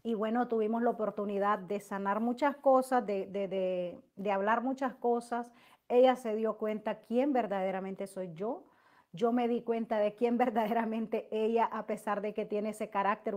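Loud, emotive woman hosting a live chat. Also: a little high. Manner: loud, emotive, talks at length; reads out viewer messages and answers them. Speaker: live stream host reading viewer comments.

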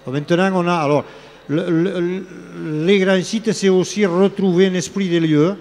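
This local elected official in his sixties has a high, darkish voice with vocal fry, keeping a steady tone at normal speed. Speaking into a red handheld mic during a live fair-hall interview, he's hesitant, full of fillers and restarts, with slight background noise and faint ambience from the hall.

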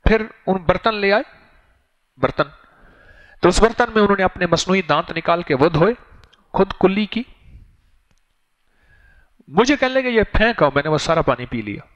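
A man preaches in a voice pitched a little high, slowing into a chanting cadence when he recites prayers. The recording is muffled and lo-fi. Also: expressive. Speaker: religious teacher. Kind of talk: sermon.

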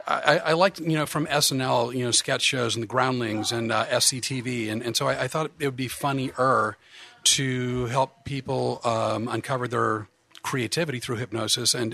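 A man speaking as a podcast guest, a comedian hypnotist who jokes about himself and explains at length, often restarting his sentences. His voice has a gravelly, rough edge and sits at a middle pitch. The talk is loose and casual. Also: fairly even intonation, moderate pace, pushed and bright. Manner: joking, self-deprecating, explains at length with restarts.

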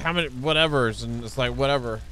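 A man's voice: medium pitch, quick pace, fairly bright tone, low-quality recording. A man hosting a co-op survival game, bantering in a teasing, bossy, playfully mocking way. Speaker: host playing a co-op survival game. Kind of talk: casual let's-play banter.

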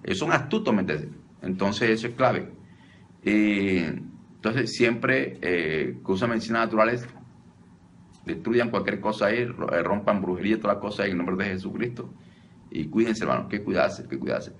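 A man's voice: lowish voice, expressive, normal speed, gravelly, a little hiss or hum. A man teaching on deliverance in an informal, conversational way, often repeating himself and calling his listeners brother. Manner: repetitive, addresses listeners as brother, frequent restarts. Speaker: deliverance preacher.

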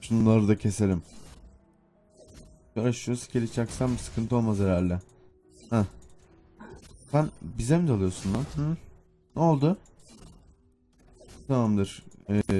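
Young male gaming YouTuber, lowish warm voice, loose self-mocking play-by-play. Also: a little hiss or hum. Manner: chatty, self-mocking, muttering to himself while playing. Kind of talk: casual gameplay commentary.

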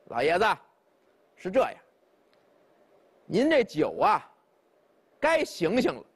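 A man's voice: sits high, wildly swooping pitch, slow pace, vocal fry, slightly rough, exaggerated voice. A storyteller voicing a polite, persuasive county magistrate who coaxes an old man. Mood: courteous, coaxing. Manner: polite, coaxing official speech.

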